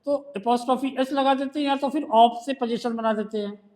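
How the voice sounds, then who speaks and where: A man's voice: extremely high pitch, fairly even intonation, normal speed, a little mellow. A male shorthand teacher with a Hindi accent, patiently quizzing a student during one-on-one tutoring.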